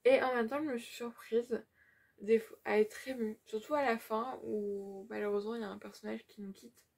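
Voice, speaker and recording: Gravelly young woman gushing about books. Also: fairly high pitch, steady tone, normal speed, a little mellow. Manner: chatty and gushing, with many fillers. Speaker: book vlogger. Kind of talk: casual reading update.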